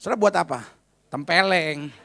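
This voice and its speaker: A man's voice: fairly high pitch, normal speed, vocal fry, pushed and bright. A male pastor preaching a sermon in a conversational, humorous, emphatic way.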